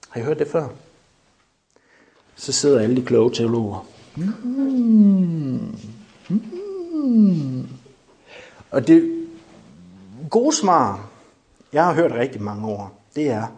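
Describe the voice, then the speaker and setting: A man preaching a lively sermon, joking with the congregation and shouting to drive points home. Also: medium pitch.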